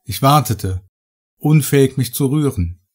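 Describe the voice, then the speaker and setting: A man reading first-person horror audiobook narration in a measured, dramatic way. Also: mid-range voice, animated, husky.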